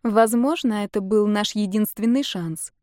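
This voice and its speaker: A young heroine in love, bold and teasing, speaking soft and close, as a female narrator voices her. The sound is dry and intimate, with the reader's own even voice. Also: medium pitch, unhurried, no echo, natural voice. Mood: tender.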